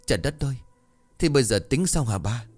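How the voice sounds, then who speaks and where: A man's voice: medium pitch, expressive, a little fast, darkish tone, soft background music, voice pushed up, close to an everyday voice. A man voicing a frantic, pleading rich village landlord in a told horror story. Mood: panicked. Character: panicked rich landlord man, domineering then desperate.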